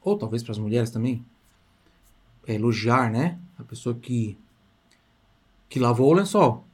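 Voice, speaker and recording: A man at a middle pitch giving a relaxed language lesson. He stretches each practice word slowly and clearly, then picks up speed for quick casual comments in between. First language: Portuguese. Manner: slow, drawn-out pronunciation drills between quick asides. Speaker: Italian teacher.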